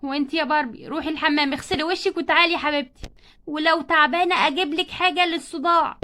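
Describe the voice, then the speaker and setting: A strict schoolteacher with an Egyptian Arabic accent barks orders at her class, as a woman acts her out. She is loud and bossy, with a very high voice and rapid-fire delivery. It comes from a homemade doll story. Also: fairly even intonation, background noise, natural voice. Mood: stern, caring. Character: strict, shouting female schoolteacher.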